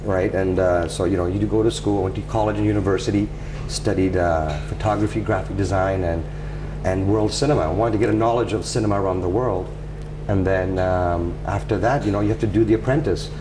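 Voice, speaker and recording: A man's voice: low-pitched, fairly even intonation, brisk. A man with a Toronto Canadian accent telling his story casually and a little hesitantly as an interview guest. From Toronto, Canada, from age ten, born in England. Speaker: interview guest, music video director. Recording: loud background noise with hum.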